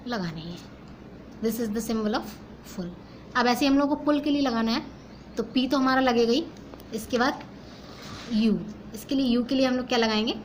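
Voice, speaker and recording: Young female teacher, Indian English accent, slightly high pitch, patient step-by-step explainer; light background noise. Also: poor audio. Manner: explains step by step, asks and answers own questions; mixes Hindi and English. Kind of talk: phonetics lesson.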